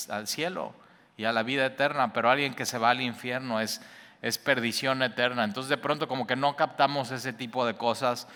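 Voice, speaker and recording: A man with a Mexican accent preaching a conversational sermon, casual and animated, acting out quoted reactions in colloquial asides. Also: mid-range voice, in a large hall. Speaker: pastor.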